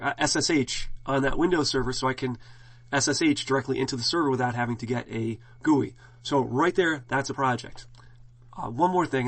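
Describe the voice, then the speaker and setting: A middle-aged man teaching a college class, talking in a loose, rambling way with lots of "uh"s and false starts. His throat is scratchy, and his voice sits at an ordinary middle pitch for a man. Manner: casual, rambling, frequent fillers and restarts. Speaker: college instructor. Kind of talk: classroom lecture.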